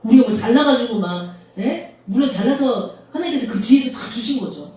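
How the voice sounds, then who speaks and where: A woman's voice: a little high, lively intonation, fairly quick, dark tone. A woman pastor preaching a sermon in a small church, talking conversationally and asking the congregation rhetorical questions. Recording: very echoey room, voice from far off.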